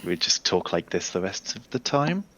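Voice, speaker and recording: A man's voice: sits low, very animated, normal speed, pushed and bright, slight background noise. A man casually playing his character in a tabletop role-playing game, wry and rambling. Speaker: player.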